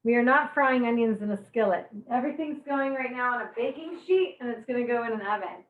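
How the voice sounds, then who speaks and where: A bubbly woman with a fairly high voice leads an online cooking class, chatting and laughing at her own jokes while her eyes water from onions. Her voice comes through thin and phone-like, bouncing around an echoey kitchen. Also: fairly quick. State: teary from cutting onions.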